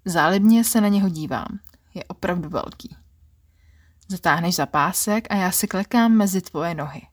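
Husky woman reading erotic fiction. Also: lowish voice, no room sound, clean studio sound. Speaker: podcast narrator. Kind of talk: first-person erotic story narration.

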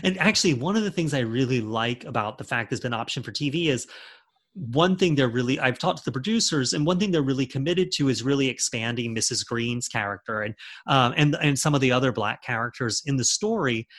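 A man's voice: medium pitch, expressive, brisk, fairly bright tone. A man talking as an author and screenwriter in a casual interview, rambling with lots of fillers and restarts.

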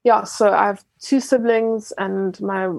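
A woman's voice: mid-range voice, steady tone, a little slow, gravelly, a little mellow, no room sound. A young adult woman from Ghana, a business founder, talking reflectively in an interview with many fillers and restarts. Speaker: entrepreneur guest. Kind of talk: interview conversation.

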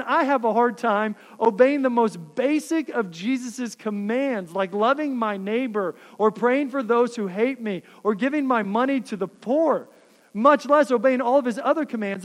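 A man preaching a sermon, earnest and dynamic, dropping to a hush and then rising again. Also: very high voice. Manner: earnest, dynamic, drops to quiet then rises. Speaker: pastor. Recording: reverberant hall.

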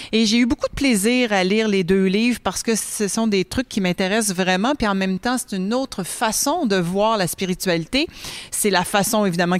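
A woman's voice: mid-range voice, clear, resonant tone, no echo. A woman hosting an interview, introducing her guests in a chatty, welcoming manner at a book fair. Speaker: interview host.

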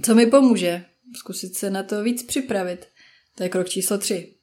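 Chatting alone in a relaxed way, this parenting podcast host, a woman in her thirties, has a mellow, mid-range voice. Every so often she briefly plays the parts of friends and children.

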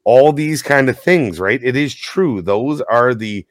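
A tow operator in his thirties co-hosts a laid-back podcast, speaking at a measured pace in a mid-range voice. He's an animated storyteller who laughs often, captured in a dry, clean studio recording.

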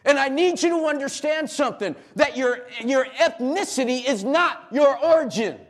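A pastor preaching a sermon in a church and calling on the congregation to answer back. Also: male voice, very high voice, animated, normal speed. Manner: call-and-response preaching, rising to shouts. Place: church sanctuary.

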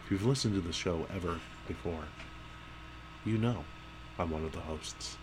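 Man, company podcast host, very low voice, dry jokey delivery, noisy line. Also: moderate pace. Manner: deadpan, playful jokes. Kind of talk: joking casual podcast chat.

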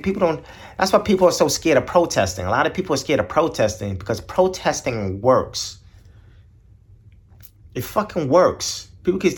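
A man hosting his podcast alone, ranting bluntly with lots of profanity and rambling asides. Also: husky. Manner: blunt, profane, rambling, mimics others in high voices. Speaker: podcast host. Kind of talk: solo casual rant.

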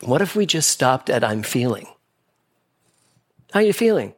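A man giving a spiritual talk to a live audience in a gathering hall, playful and animated as he acts out little exchanges in quoted voices. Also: medium pitch, unhurried.

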